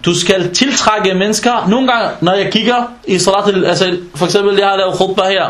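A man with a high voice delivers a humorous sermon, telling stories with rhetorical questions. He scatters Arabic religious terms through his talk. The room around him rings with echo. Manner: animated storytelling with rhetorical questions. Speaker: preacher. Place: mosque.

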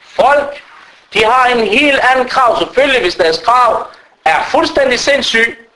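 High voiced guy preaching, lively storyteller, acts out everyone he quotes. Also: rough recording. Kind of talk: sermon.

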